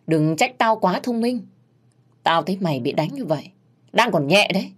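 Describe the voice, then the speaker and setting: A woman's voice: medium pitch, animated, normal speed, slightly rough, pitched above the performer's own voice. A woman voicing a spiteful scheming mistress who mocks and threatens in a sneering tone. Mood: sneering threats.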